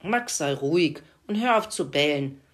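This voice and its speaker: A woman's voice: low-pitched, lively intonation, moderate pace. Hungry impatient pony lady, woman doing the voice, kids story.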